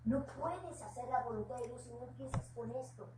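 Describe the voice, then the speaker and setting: At a home church gathering, a woman with a Mexican Spanish accent preaches earnestly and conversationally, with homely personal asides, in a slightly high, slightly mellow voice at normal speed. A distant mic picks her up in an echoing room full of background noise.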